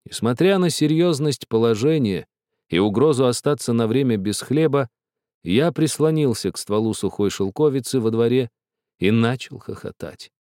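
A man reading a story aloud in a steady, wry narrating manner. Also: medium pitch, normal speed, dry recording, studio quality. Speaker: audiobook reader. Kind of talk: scripted narration.

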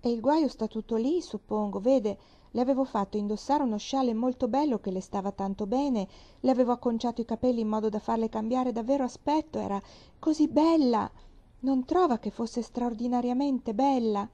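A woman voicing a cheerful, eager little girl in a storybook reading, talking in an excited, pleading way. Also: fairly high pitch, normal speed, muffled recording, voice pushed up, natural voice. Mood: wistful.

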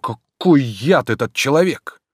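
A man reading an audiobook, voicing an idle, irritable gentleman who snaps impatiently at his servant. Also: medium pitch, expressive, unhurried, husky, no echo, studio quality, voice pushed up. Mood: exasperated. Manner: impatient, exasperated. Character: idle, irritable young male landowner.

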